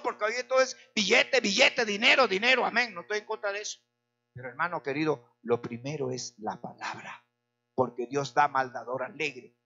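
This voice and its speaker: A male pastor preaching a sermon in a church, swinging between loud cries and quiet, low remarks, hoarse from shouting. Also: muffled recording.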